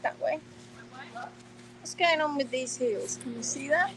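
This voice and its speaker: Filmed indoors on a phone, a woman hosts a live-streamed hoof-trimming workshop, quizzing her students and reading viewer comments aloud. She speaks emphatically in a high-pitched voice with lively intonation at a measured pace. The background is noisy.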